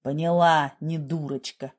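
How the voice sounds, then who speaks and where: Brief: resentful young heroine, read by a woman, sullen and husky, audiobook. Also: deep voice, fairly even intonation, unhurried, darkish tone, voice pushed down. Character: young woman, bitter and defiant.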